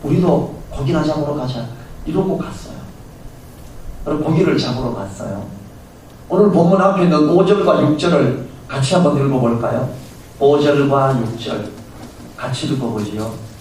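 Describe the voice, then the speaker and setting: A man's voice: medium pitch, animated, moderate pace, long pauses, darkish tone, a little hiss or hum. Echoing male pastor preaching from afar. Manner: storytelling, acts out the characters in the stories. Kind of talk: Sunday sermon. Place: church sanctuary. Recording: very echoey church hall, mic far off.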